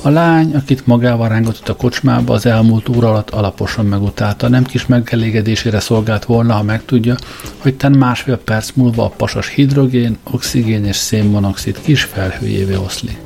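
A man narrating an audiobook in a dry, measured storytelling manner. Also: on the low side, steady tone, creaky, a little mellow, soft background music.

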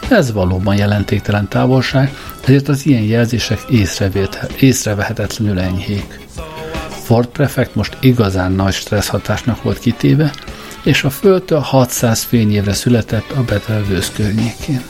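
A man narrating an audiobook in a dry, measured storytelling manner. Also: on the low side, darkish tone, soft background music.

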